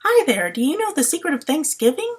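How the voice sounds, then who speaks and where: A woman's voice: high voice, sing-song, brisk, pitched above the performer's own voice. A woman voicing a gullible, clueless alien visitor who talks in an eager, naive way.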